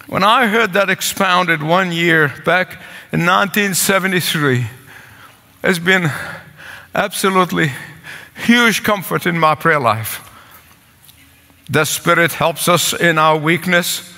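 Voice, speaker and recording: An older pastor with an Egyptian accent delivers a slow pulpit sermon in a high, bright voice. He is earnest and pleading, repeating phrases for emphasis. The large church sanctuary, with its congregation, gives the recording a long hall reverb.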